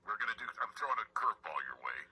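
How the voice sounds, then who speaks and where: A very raspy, piercingly bright male radio host bantering casually. His delivery is animated and quick, coming through a radio. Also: lowish voice, poor audio.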